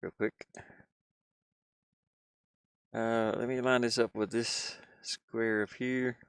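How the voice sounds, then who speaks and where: Slow and flat, this man's medium-pitched voice is smooth and a bit bright, captured in a dry recording. He hosts game streams and designs games as a hobby, and here he thinks aloud in casual chat, rambling and muttering while he works on screen.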